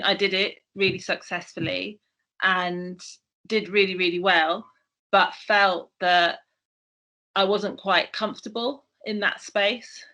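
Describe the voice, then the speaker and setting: A woman from Barbados speaking as a guest on an online panel. Her voice is low-pitched yet bright and clear. She talks candidly and reflectively, pausing on small hesitations as she looks back on her career. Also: poor audio. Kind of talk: personal account. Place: video call.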